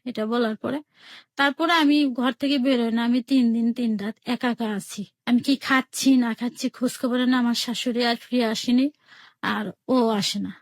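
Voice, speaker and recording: Her voice is fairly high with a darkish tone and no room sound: a Bangladeshi woman on a radio call-in show telling the story of her life. She keeps it plain, repeats herself frequently, and acts out each exchange in quotes.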